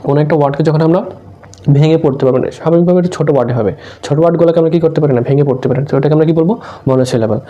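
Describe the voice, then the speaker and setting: A man's voice: on the high side, dark tone. A young man teaching a grammar lesson, asking his listeners questions and answering them himself. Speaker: English teacher.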